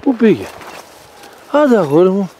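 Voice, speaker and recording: A man's voice: high-pitched, sing-song, mellow. Man coaxing a dog outdoors. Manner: calls and coaxes the dog with short repeated encouragements. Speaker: hunting dog trainer. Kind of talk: live running commentary while training a dog. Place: outdoor field. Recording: noisy outdoor recording.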